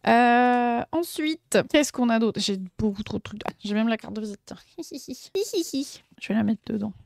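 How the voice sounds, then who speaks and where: Young woman streamer, gushing and chatty, bright higher voice, close and dry. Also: moderate pace, gravelly, no room sound. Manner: gushing, excitable, lots of fillers. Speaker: streamer showing convention purchases. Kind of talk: casual live stream chat.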